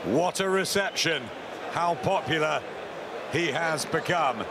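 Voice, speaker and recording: A man's voice: on the high side, slow, vocal fry, recorded from a distance. A man giving live boxing commentary as the lead commentator. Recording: loud arena noise behind. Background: noisy arena ambience.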